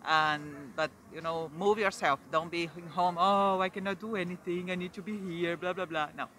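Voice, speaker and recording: A middle-aged man giving emphatic, animated advice in a street interview outdoors, into a handheld mic. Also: sits high, moderate pace. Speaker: passerby.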